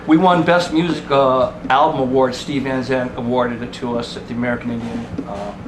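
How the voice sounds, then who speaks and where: A man's voice: medium pitch, fairly even intonation, fairly quick. A man casually introducing himself at a storytelling circle, boastful and chatty. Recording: echoey room with loud background noise.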